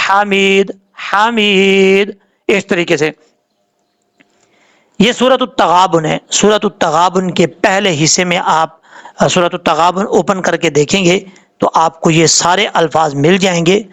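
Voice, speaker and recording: High-voiced man teaching recitation step by step. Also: fairly bright tone. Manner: patient, step-by-step, repeats letters and rules; slowly draws out sounds when demonstrating words. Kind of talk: tajweed lesson explaining pronunciation rules.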